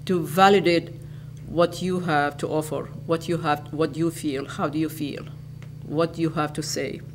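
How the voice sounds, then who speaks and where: An older woman from Iraq, an educator giving interview answers in a lecture hall, speaking in a measured way and restating her phrases. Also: sits low, fairly even intonation, background noise.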